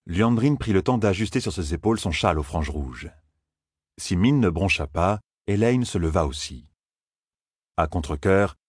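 Low husky male audiobook narrator. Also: darkish tone, no echo, clean studio sound. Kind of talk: scripted fantasy narration.

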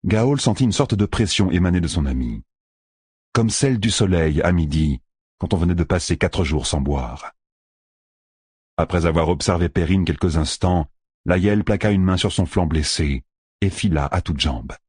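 A man narrating an audiobook in an expressive, dramatic reading style. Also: low voice, normal speed, slightly rough, dry recording, studio quality. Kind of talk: scripted narration.

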